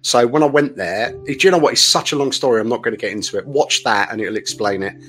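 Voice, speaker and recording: A middle-aged man tells his story as a podcast guest. He rambles and restarts often, speaking frankly at an ordinary, middle pitch in casual conversation. His voice sits in a plain, everyday register. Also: fast talker, a bit bright, slightly rough, soft background music. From south-east England. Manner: rambling, candid, full of restarts and fillers.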